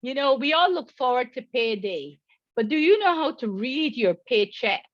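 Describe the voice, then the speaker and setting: A middle-aged woman, an insurance agent, gives a scripted webinar presentation in a measured way, reading prepared remarks. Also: high-pitched, big pitch swings, dry recording, muffled recording.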